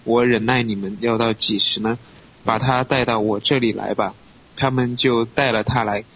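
A man reading scripture aloud at a steady, measured pace in a Bible study program. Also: medium pitch. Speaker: scripture reader. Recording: dull lo-fi recording with faint hiss.

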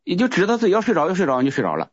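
Man, rapid rambling testimony, slightly high voice, muffled dry recording. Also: wildly swooping pitch, breathy edge, no room sound. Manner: rambling, repeats words, restarts often. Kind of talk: casual spoken testimony.

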